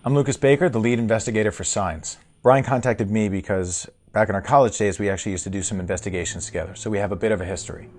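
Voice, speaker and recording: A man's voice: fairly low pitch, quick pace, few pauses, darkish tone, lightly acted. A man playing an eager lead paranormal investigator, earnest and repeating words, in a mock documentary interview. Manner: earnest, stammered word repeats. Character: keen male paranormal investigation leader. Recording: faint background noise, room ambience.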